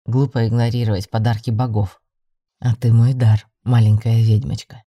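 A woman doing a deep-voiced coaxing half-dragon man. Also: little pitch movement, moderate pace, breathy edge, dry recording, dull audio. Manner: low, coaxing and insistent. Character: young male half-dragon, possessive, softly menacing. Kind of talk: audiobook narration.

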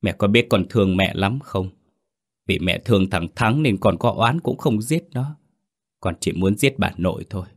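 A man's voice: fairly low pitch, normal speed. A man voicing the sulky, grieving ghost of a young girl in a spoken ghost story, with a sobbing, reproachful delivery. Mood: aggrieved. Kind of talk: storytelling narration.

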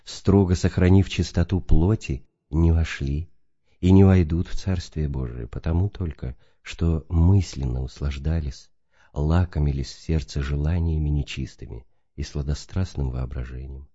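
A man solemnly reading a spiritual letter aloud in a slow, didactic way. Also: rumbling low, dark tone, breathy edge. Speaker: reader. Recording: dull lo-fi recording.

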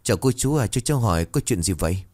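A man's voice: on the low side, lively intonation, fast talker, darkish tone, no room sound. A man voicing a polite young man who speaks courteously to villagers.

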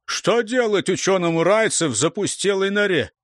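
A man's voice: high voice, animated, moderate pace, no echo, clean studio sound, voice pushed up. A man reading the part of a spiteful, contemptuous man in an audiobook. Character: bilious scornful man. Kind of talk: audiobook character voice.

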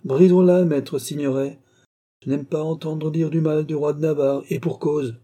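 A man reading the part of a calm, dignified nobleman officer in an audiobook. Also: fairly high pitch, pitched above the performer's own voice, close to an everyday voice. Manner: measured, dignified, firm.

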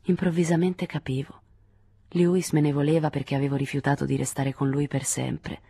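A woman reads a literary novel aloud in a low, dark voice with a husky, breathy grain. Her delivery is measured and intimate, in the first person. The recording is close and dry, with no room sound. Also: level tone, no room sound. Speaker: audiobook reader. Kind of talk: literary audiobook narration.

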